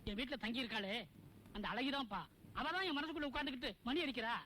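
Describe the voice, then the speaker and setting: An actor playing a fussy middle-aged village widower in comic film dialogue, with fast, excitable chatter. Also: male voice, extremely high pitch, a little hiss or hum, full character voice. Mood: lovesick.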